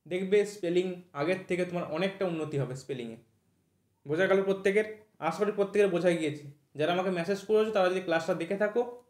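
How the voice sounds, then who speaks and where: Guy teaching english words really fast, spells them out slow, echoey room. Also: high voice, a little mellow. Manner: repeats "thik ache?" after nearly every point, spells words out slowly. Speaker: English teacher for exam preparation. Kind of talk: online vocabulary lesson.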